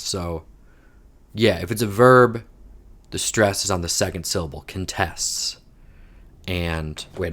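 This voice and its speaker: A man with a very low, deep voice talks through a crossword puzzle in a relaxed, chatty way. He drifts off into rambling asides and drops the odd swear word. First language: English. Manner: thinks aloud, rambling digressions, mild swearing. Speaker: podcast host solving a crossword. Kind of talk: casual solo puzzle-solving chat.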